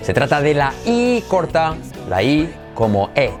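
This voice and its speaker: A man with a Spain Spanish accent teaching English pronunciation in an energetic video lesson, often switching into English to model how words sound. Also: on the high side, a little slow, over music.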